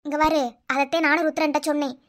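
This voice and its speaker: A woman's voice: high-pitched, level tone, fast, pitched below the performer's own voice, close to an everyday voice. A woman voicing a firm, comforting elderly village grandmother in a cartoon, with a Madurai Tamil accent. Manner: firm, reassuring. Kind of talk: cartoon voice acting.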